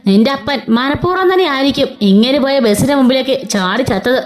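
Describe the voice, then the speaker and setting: A woman voicing a sharp-tongued older mother-in-law who taunts and insults. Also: sits high, lively intonation, fast talker. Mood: accusing.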